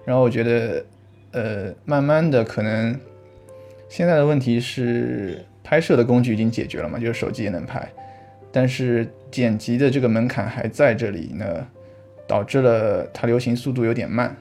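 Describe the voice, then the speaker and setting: A man of middle pitch talks as a podcast guest, explaining things patiently and thinking aloud as he goes. He drops easy laughs into his talk. Faint music plays behind him. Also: normal speed, a little mellow. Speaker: podcast guest, vlog creator. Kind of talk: casual podcast chat.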